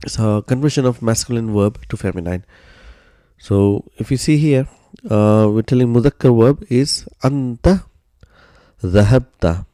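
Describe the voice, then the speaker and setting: A man explaining grammar step by step in a recorded lesson, patient and steady, often starting sentences with "so" and pausing on "uh.". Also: medium pitch, dry recording, studio quality. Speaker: Arabic grammar teacher.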